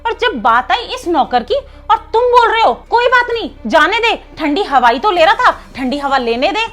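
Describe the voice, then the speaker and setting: A woman's voice: very high voice, big pitch swings, moderate pace, a bit bright, faint music behind, exaggerated voice. A woman acting a bossy wealthy house mistress who scolds and taunts in a short drama skit. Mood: arguing. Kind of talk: scripted Hindi skit acting.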